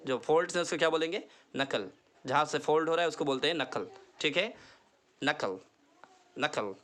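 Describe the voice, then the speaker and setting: Guy teaching english words in an online class, says each one slow and repeats it, kinda higher voice, pleads with you to practise. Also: fairly bright tone. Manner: repeats words slowly for the listener to echo; earnest, pleading tone. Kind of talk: online lesson, Hindi with English.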